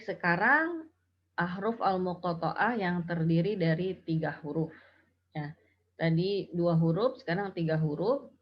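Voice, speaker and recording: A tajwid teacher, a woman with a lowish voice and a slightly slow delivery, patiently explains Quran recitation rules and chants example syllables. The audio is dull and lo-fi.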